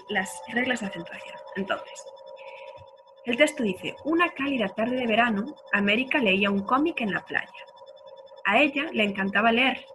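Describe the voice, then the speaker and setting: A woman teaching a primary school spelling lesson, drawing out the example words slowly and often asking the listener if they follow. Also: fairly high pitch, low-quality recording. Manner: slow, drawn-out example words for children. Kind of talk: recorded grammar lesson.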